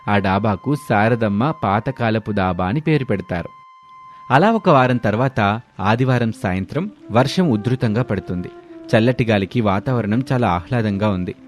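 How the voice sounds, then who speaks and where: A man narrating an animated family story in a calm, scripted manner. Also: on the low side, moderate pace, faint music behind.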